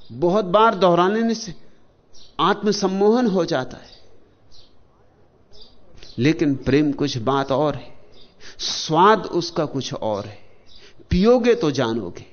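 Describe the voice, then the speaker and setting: Man giving a spiritual talk, real slow and drawn out, voice rises and falls a lot, sounds like a dull old tape. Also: a little high, big pitch swings. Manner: slow and deliberate, lists single words with long pauses. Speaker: spiritual teacher. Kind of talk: spiritual discourse.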